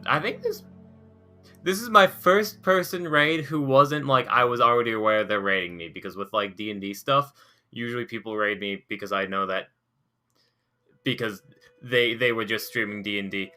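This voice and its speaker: Give this streamer a very bright, forceful male voice. He chats casually and excitably, poking fun at himself and exclaiming often. Soft music plays behind him. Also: mid-range voice, normal speed. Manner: excitable, self-deprecating, exclaiming. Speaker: streamer hosting a tabletop character creation session. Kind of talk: casual livestream chat.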